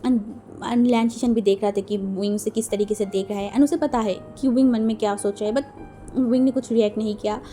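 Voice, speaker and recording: A woman's voice: fairly high pitch, fairly even intonation, fairly quick, mellow, soft background music. A woman narrating a fan story in a chatty, casual way, dropping English words in as she goes.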